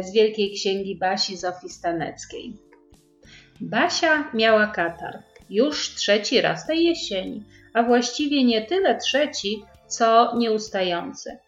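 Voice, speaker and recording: A woman reading a story aloud to preschool children in a gentle storytelling manner. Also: medium pitch. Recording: roomy, dull sound with faint music.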